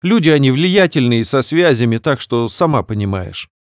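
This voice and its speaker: A man voicing a bubbly, scheming young woman who chatters quickly and wheedles. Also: medium pitch, lively intonation, dry recording, studio quality, pitched above the performer's own voice, natural voice. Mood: pleading, cold.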